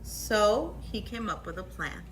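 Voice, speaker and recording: Reading aloud to children at the library, a woman delivers a picture book with lively expression and breaks off to comment on the pictures. Her voice sits mid-range, and the rough recording carries a slight hiss or hum.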